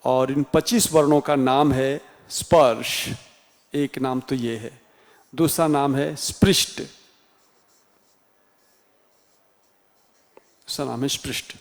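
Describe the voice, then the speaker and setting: Slow-spoken male Hindi teacher, reverberant room. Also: medium pitch, steady tone. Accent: Rajasthani Hindi. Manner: slow, deliberate, spells out each letter sound. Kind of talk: classroom lecture.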